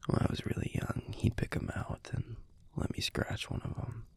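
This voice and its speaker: Whispering in a natural voice, an American man plays a young werewolf boyfriend, gruff but tender, softly addressing the listener in an intimate audio roleplay. He sounds breathy, husky and gravelly-low, murmuring in a relaxed, halting way and swearing casually while wryly and fondly reminiscing.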